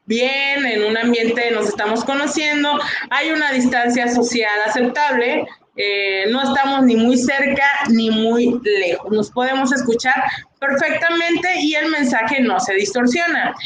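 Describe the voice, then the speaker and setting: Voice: mid-range voice, a little slow. A teacher with a Mexican accent, giving a recorded online class lecture in an explanatory way, often saying "bien" and asking rhetorical questions. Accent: Mexican Spanish. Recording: echoey room, faint background noise.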